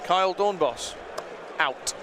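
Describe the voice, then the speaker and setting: A man's voice: sits high, lively intonation, takes it slowly, noisy background. A British man commentating a live tabletop game tournament in a chatty, rambling way that often corrects itself. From Britain. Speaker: stream commentator.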